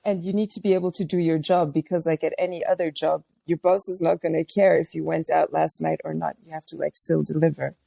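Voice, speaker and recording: A young woman from Tanzania, chatting in a relaxed way as a podcast guest, talking about her music with many fillers. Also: low voice, fairly quick, vocal fry, hardly any pauses, no echo. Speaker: guest, R&B singer and songwriting coach. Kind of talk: casual chat.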